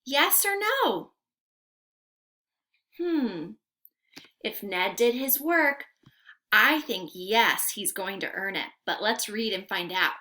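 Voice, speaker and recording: This young woman teacher, at home, leads small children through an interactive read-aloud, enunciating carefully in a sing-song way and asking them questions. Her mid-range voice is animated, bright and forceful, and she takes it slowly with long pauses.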